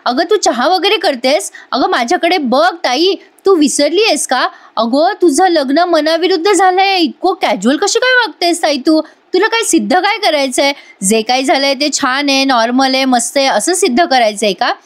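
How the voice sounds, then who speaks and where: A stubborn, hot-headed younger sister , read by a woman who fires off sharp, confrontational questions. The voice is high and pushy. It comes across as a plain serial recap rather than full acting. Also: animated, moderate pace, hardly any pauses. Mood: angry.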